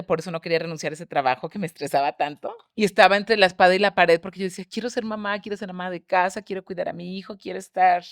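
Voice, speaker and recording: A woman's voice: fairly low pitch, dry recording, clean studio sound. A middle-aged woman cheerfully telling a personal faith testimony. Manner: cheerful, animated storytelling. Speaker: guest sharing a testimony.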